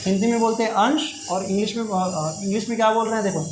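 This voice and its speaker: A middle-aged man with a high, fast voice teaches a math class, posing questions to students and then answering them himself in a call-and-response style. The classroom echoes, and there's a faint hiss on the recording.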